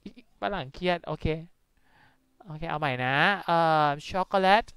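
A young woman with a Thai accent chats her way through a live game stream, swapping between languages and tossing out playful curses. Her voice sits a little low and comes across smooth and clean. The sound is dry and close, with no room around it. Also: a little slow, no room sound. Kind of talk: casual live game commentary.

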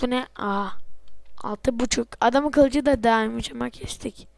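A woman giving excitable let's-play game commentary, swearing and breaking into sudden yells, her voice off from being sick. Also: fairly high pitch, unhurried, vocal fry, no echo. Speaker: gameplay commentator.

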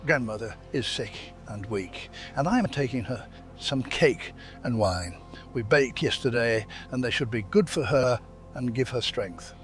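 A man's voice: mid-range voice, lively intonation, a little slow, soft background music, close to an everyday voice. A man putting on an innocent little girl. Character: little girl in a red cap, innocent and trusting.

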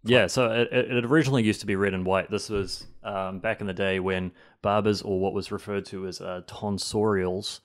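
A young man, a barber guest, chatting enthusiastically in a podcast interview in a small home studio on a boom mic. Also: steady tone, a little fast, few pauses. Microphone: studio boom mic with headphones.

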